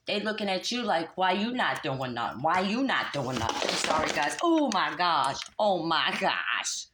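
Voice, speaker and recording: A woman's voice: deep voice, slight background noise. A woman giving a casual tarot reading, sassy and scolding, talking straight to the listener and laughing along. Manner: animated, laughs and hums disapproving "mm-mm-mm". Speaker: tarot reader.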